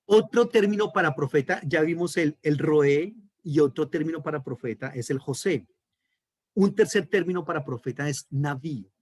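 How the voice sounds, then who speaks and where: A man's voice: on the high side, moderate pace, a little mellow, no echo, studio quality. A man with a Colombian accent, a pastor teaching a theology class, emphatic and checking in with his listeners often. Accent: Colombian Spanish. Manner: emphatic, checks in with frequent "¿listo?". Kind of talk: online class lecture.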